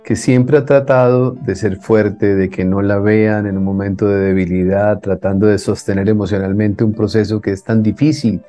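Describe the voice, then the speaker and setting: A man's voice: fairly low pitch, steady tone, moderate pace, hardly any pauses, mellow, faint music behind. A man who interviews his guest, asking questions and responding with attentive affirmations.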